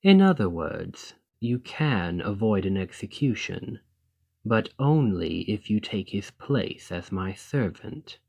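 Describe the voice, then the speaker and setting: Here the ambitious foreign noble of a fantasy audio roleplay is voiced by a man with a fairly low, gravelly, slightly mellow voice that is very animated and heavily acted. The scripted ASMR monologue is delivered formally, composedly and courteously, with a coolly persuasive mood. His manner is measured and deliberate, sympathetic in a condescending way.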